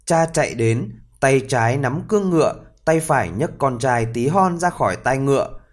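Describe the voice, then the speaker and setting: Man reading a fairy tale with lively pitch. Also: normal speed. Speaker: storyteller.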